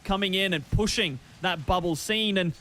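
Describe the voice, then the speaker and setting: A man casting an esports match, calling plays quickly with frequent restarts. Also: sits high, pushed and bright. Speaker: esports caster. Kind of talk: esports play-by-play commentary.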